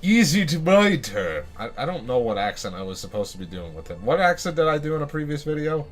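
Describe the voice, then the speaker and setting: A young man in college giving casual, sarcastic commentary while playing a video game, swearing and thinking out loud. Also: on the high side, steady tone, fast talker, faint music behind. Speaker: let's play host.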